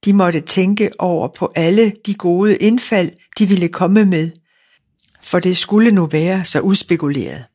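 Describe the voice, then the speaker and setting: A narrator reading a fairy tale aloud in a steady, measured storytelling manner. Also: medium pitch.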